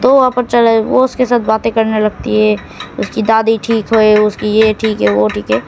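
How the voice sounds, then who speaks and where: A woman's voice: fairly high pitch, little pitch movement, normal speed, creaky, a little mellow, slight background noise, low-quality recording. Rambling woman retelling a drama plot. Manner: rambling, self-correcting, loose storytelling. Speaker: drama recap narrator. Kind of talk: casual Hindi plot recap.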